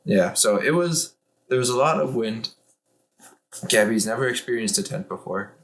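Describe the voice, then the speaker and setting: A man's voice: mid-range voice, expressive, moderate pace, a bit bright, poor audio. A man chatting casually for a vlog, with a wry, rambling way of talking. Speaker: vlogger. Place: inside a tent.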